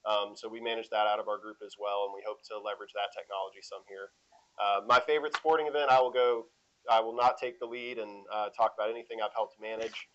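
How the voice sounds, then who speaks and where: A man introducing himself on a conference panel as a traffic engineer, relaxed and joking, with many fillers. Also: on the low side, quick pace. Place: conference room. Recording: dull lo-fi room audio.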